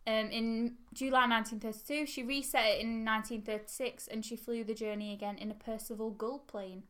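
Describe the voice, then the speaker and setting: A woman, co-hosting a podcast and reading history notes in steady runs. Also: fairly high pitch, fairly quick. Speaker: podcast co-host.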